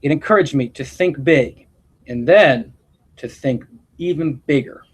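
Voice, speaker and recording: In a fairly high, slightly rough voice, a man reads aloud from a picture book, playing the principal for a room of schoolchildren. The delivery is deliberate and expressive, with quick asides here and there.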